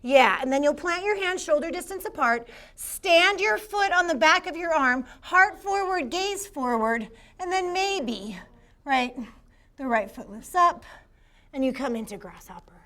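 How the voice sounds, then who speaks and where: A woman's voice: sits high, animated, unhurried, fairly bright tone. A woman teaching a live yoga class, upbeat and encouraging, calling out students by name as she cues the poses.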